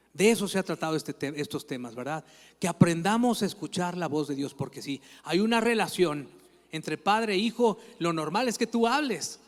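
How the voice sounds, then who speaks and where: A male pastor, preaching in a conversational, storytelling way. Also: high-pitched. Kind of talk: sermon. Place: church hall. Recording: long church hall reverb.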